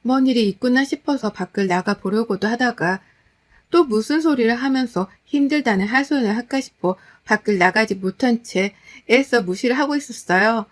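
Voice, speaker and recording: A woman telling her own story as a daughter-in-law, in steady, conversational scripted narration with wry exasperation. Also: fairly high pitch, moderate pace.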